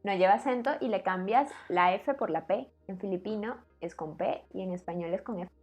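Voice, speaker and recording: A woman's voice: mid-range voice, moderate pace, a little mellow, soft background music. A woman co-hosting a casual podcast chat, explaining words patiently and laughing easily. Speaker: co-host explaining language.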